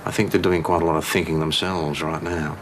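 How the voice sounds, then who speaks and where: A man's voice: extremely low pitch, flat delivery, fairly quick, a little hiss or hum. An actor playing a weary, firm but compassionate Australian country man, understated and plain-spoken, in a television drama. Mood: weary, restrained. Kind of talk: naturalistic television drama acting.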